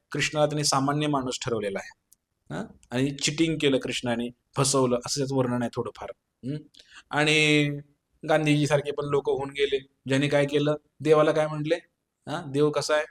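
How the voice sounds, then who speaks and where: A man's voice: a little high, fairly bright tone. A man from Maharashtra giving a devotional sermon. He keeps asking rhetorical questions, tags them with a questioning "hm?", and mimics the people he quotes. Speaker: preacher.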